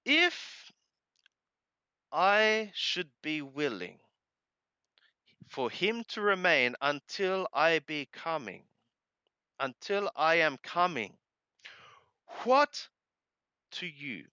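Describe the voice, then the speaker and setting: This man reads the Bible aloud and translates it phrase by short, literal phrase. He goes extremely slowly and emphatically, his pitch rising and falling very lively, in a clear, resonant voice with halting, deliberate phrasing. The recording is dry and the audio dull.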